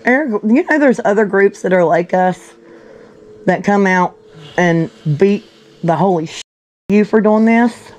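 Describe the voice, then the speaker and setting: A woman's voice: medium pitch, unhurried, darkish tone, rough recording. A woman in a heated confrontation, bluntly scolding and interrogating a man. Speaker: vigilante group confronter.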